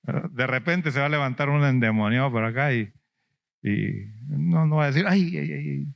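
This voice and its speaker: A man's voice: medium pitch, moderate pace, vocal fry, muffled recording. A man preaching a sermon as an apostle, questioning the congregation, prompting them with "mm?" and "ujú", and acting out lamenting believers in a whiny voice.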